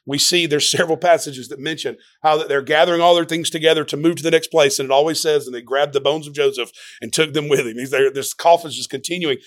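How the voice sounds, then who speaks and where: A man with a somewhat high voice preaching a sermon as pastor. He talks earnestly and with passion, often restarting and repeating words. His delivery swings between loud stressed phrases and quieter asides. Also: fairly even intonation, quick pace, hardly any pauses.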